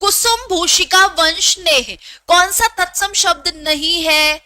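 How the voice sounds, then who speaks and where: This is a woman teaching Hindi in a live online exam-prep class; her voice is very high and bright, her tone steady, and she teasingly scolds while briskly repeating each question. The sound is close and dry, with no echo or room ambience.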